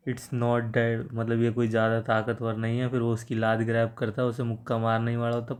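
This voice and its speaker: A man tells a comic's plot in a loose, casual recap, dropping crude slang and chuckling asides. His voice stays flat and steady at a middle pitch. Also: clear, resonant tone.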